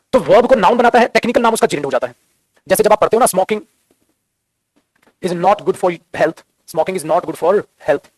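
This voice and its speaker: Fast-talking male grammar teacher. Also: high-pitched, dry recording. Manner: addresses students as beta, repeats key phrases, asks and answers his own questions. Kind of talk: classroom grammar lesson in Hindi.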